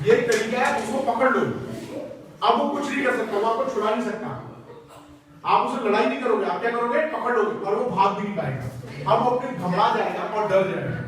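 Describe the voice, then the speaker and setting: A man giving a lively safety lesson to young schoolchildren, coaxing and urging them to shout. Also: high voice, fairly quick, crowd noise. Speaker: child safety trainer. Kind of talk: classroom talk to children. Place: school classroom or hall. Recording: echoey room from far off, faint noise.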